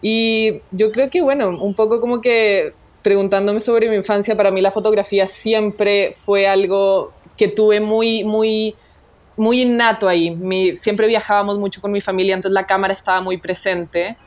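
A Colombian photographer, interviewed as a guest, reflectively tells her story in a conversational exchange and often restarts her sentences. Her voice is medium-pitched and steady, at a normal speed.

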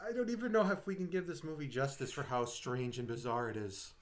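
A medium-pitched man, speaking a little fast, co-hosts a movie podcast and rambles through an exasperated, casual critique of a film in a relaxed review chat.

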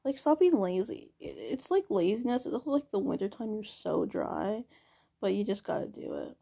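A woman's voice: medium pitch, animated, moderate pace, vocal fry, dark tone, slightly rough. A young woman talking to herself in a casual, rambling diary monologue, full of filler words and swearing. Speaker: vlogger.

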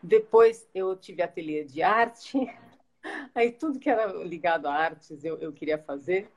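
A woman answering as a guest in a live interview over a video call, soft-spoken and hesitant with many restarts. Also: lowish voice, lively intonation, measured pace.

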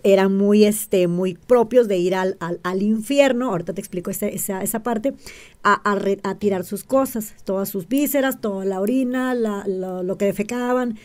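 Dark-voiced woman explaining. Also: mid-range voice, moderate pace. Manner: keeps checking in with "¿sí?" and asks rhetorical questions. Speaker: interview guest, self-described witch. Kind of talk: explanatory interview talk.

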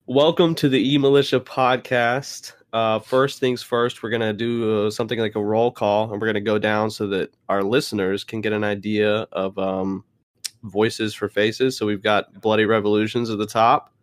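Casting: male podcast host, lowish voice, informal and halting delivery, dry close recording. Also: flat delivery, dry recording. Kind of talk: casual podcast hosting.

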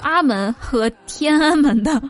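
A woman's voice: sits high, expressive, unhurried, music in the background. A woman hosting a comedy show in a casual monologue, chatting directly to listeners with teasing questions.

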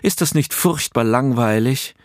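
A man's voice: medium pitch, unhurried, dry recording, clean studio sound, pitched above the performer's own voice, natural voice. A man voicing an outspoken, impatient young woman heroine in a storybook, indignant and full of questions. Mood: questioning.

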